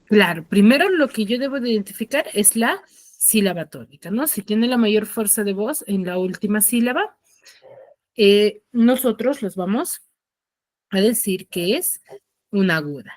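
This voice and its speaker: A woman teaching an online class, asking her students question after question and explaining slowly with emphasis. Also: mid-range voice, expressive, no room sound.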